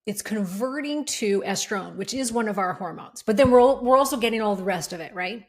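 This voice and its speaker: A woman's voice: mid-range voice, expressive, brisk. A middle-aged woman, a guest hormone expert, explaining things emphatically in a podcast interview and often asking rhetorical questions.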